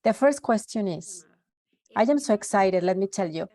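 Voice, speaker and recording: A woman interpreting live into English on a video call, with steady, measured phrasing and small self-corrections. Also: mid-range voice, no echo. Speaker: simultaneous interpreter.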